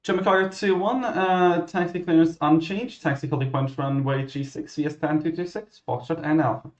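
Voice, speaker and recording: A man working as a ground controller, giving clearances and commentary in a halting, self-correcting way. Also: a little high, steady tone, a little hiss or hum. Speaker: virtual air traffic ground controller. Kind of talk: radio clearances and explanatory commentary. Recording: muffled, roomy microphone sound.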